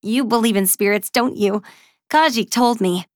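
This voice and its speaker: A woman's voice: fairly high pitch, dry recording, clean studio sound, close to an everyday voice. A woman voicing a bossy, teasing undead girl. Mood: prodding. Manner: scolding, quick, teasing.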